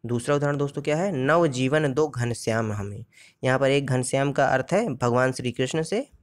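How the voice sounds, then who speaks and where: A male teacher with a medium-pitched voice leads an exam-prep grammar lesson, working through it step by step. He poses questions and answers them himself, and he recites verse examples slowly.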